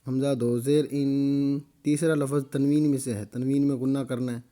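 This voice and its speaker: A man teaching Quran reading, slowly spelling out each letter and vowel, then briskly explaining the rules. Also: mid-range voice, level tone, warm tone. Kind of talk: slow spelling-out recitation lesson.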